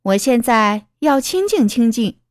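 A woman voicing a cocky, stubborn young boy who sulks, boasts and yells at the kids he minds. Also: a little high, lively intonation, a little slow, dry recording. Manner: sulky, boastful, then yelling.

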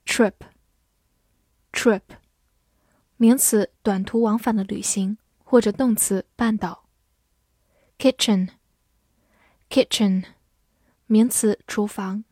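A woman teacher reading out an English word list, saying each word twice and giving its meanings in an even recitation. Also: mid-range voice, dry recording. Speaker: vocabulary teacher.

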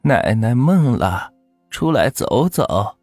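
Calm old grandmother, slow and soft-spoken, husky edge, as a male storyteller plays her. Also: medium pitch, no echo, faint music behind. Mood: gentle. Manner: slow, soothing. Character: kindly old village grandmother, calm and gentle.

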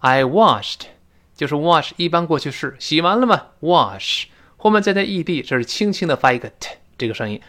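Man teaching English with lively pitch. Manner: animated, drawn-out demonstrations of pronunciation; chatty, classroom storytelling tone. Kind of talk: spoken-English lesson lecture.

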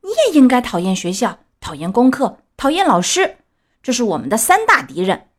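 Woman playing jeering schoolboy bullies, shrill and shouty. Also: wildly swooping pitch, normal speed. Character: gang of rude, mocking schoolboys. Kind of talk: storybook reading.

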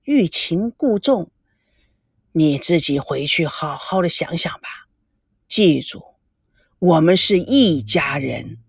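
A woman voicing an older fatherly man who speaks slowly and softly with a lowered voice. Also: lively intonation, gravelly, breathy edge, no room sound, studio quality, full character voice. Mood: knowing, fatherly. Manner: slow, soft, lowered voice.

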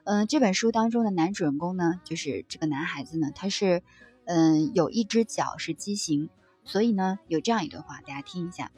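A woman with a low, husky voice reads passages from a book aloud and shares her reflections. She talks gently and conversationally, pausing on soft fillers between thoughts. Faint music plays underneath her. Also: expressive. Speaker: book-sharing presenter.

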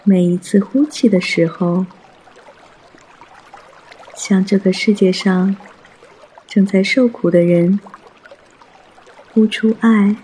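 Soft, breathy, hushed male meditation guide. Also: sits high, fairly even intonation. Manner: hushed, gentle, soothing spa-like delivery with long pauses.

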